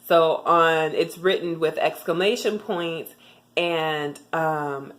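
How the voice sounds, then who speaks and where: A young woman with a low voice shares language tips in a relaxed tutorial vlog to camera. She's chatty and halting, with frequent ums and restarts.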